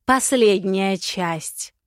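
A woman voicing a scheming, cruel witch who taunts in drawn-out, sing-song phrases. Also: mid-range voice, no room sound, clean studio sound. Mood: mocking. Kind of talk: audiobook character voice.

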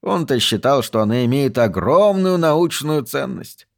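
A man voicing an excitable, talkative old male museum archivist who snorts as he speaks, in a raised voice. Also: medium pitch, unhurried, creaky. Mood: eager.

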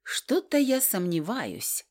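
A woman voicing a calm, curious young woman who talks bluntly and dryly. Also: on the low side, measured pace. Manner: blunt, dry.

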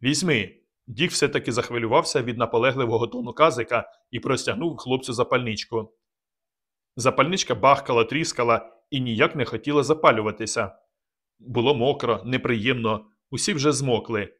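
A man narrating an audiobook in a calm, measured reading. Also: medium pitch. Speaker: audiobook reader. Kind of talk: scripted narration.

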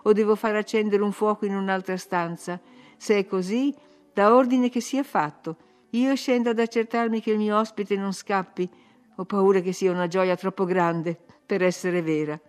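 A woman reading an audiobook, voicing a passionate young lady of the house who sounds breathless and high-strung. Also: fairly even intonation, normal speed, a little mellow, lightly acted. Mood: insistent.

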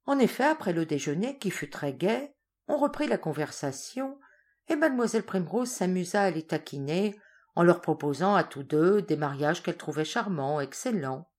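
A woman narrates a classic novel for an audiobook in a clear, expressive reading. Her voice sits somewhat low and moves with a lively, varied melody. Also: normal speed. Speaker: audiobook reader.

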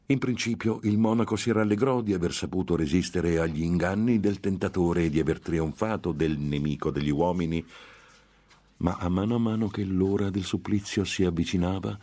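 A man narrating a gothic novel in a grave, measured dramatic reading. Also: sits low, steady tone, dark tone. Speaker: audiobook narrator.

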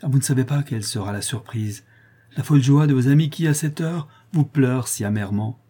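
A man's voice: mid-range voice, brisk, mellow, breathy edge, natural voice. A man reading an audiobook and voicing a tender, effusive noblewoman. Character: warm, eager aristocratic lady, motherly.

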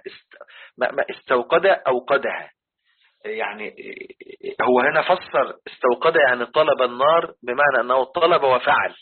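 This clip, tinny as if recorded on a phone, features a man of medium pitch and a slightly rough voice teaching Quran commentary. A religious teacher with an Egyptian Arabic accent, he reiterates points and frequently asks if the class is following.

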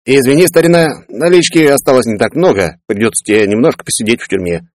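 A man voicing a greedy, brash grown brother who talks loud, wheedling and boastful. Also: medium pitch, lively intonation, quick pace, no echo, pitched above the performer's own voice, lightly acted.

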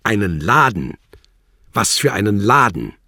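A man voicing a scornful, threatening embassy secretary with a guttural, rasping snarl. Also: fairly low pitch, very animated, unhurried, bright, forceful tone, no room sound, studio quality, voice pushed up, heavily acted. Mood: demanding. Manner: mocking, threatening, condescending. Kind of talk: audiobook character voice.

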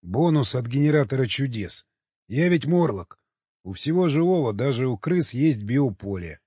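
A man voicing a rough male cannibal wanderer who talks bluntly in slang, in an audiobook. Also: medium pitch, big pitch swings, normal speed, a little mellow, no room sound. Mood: gruff. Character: gruff male cannibal wanderer, sensing things. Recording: dull lo-fi audio with faint music.

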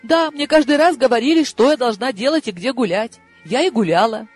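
A woman voicing a frightened, naive young woman held captive, squeaking and whimpering her answers. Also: expressive, a little fast, a little mellow, breathy edge, faint music behind. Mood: pleading.

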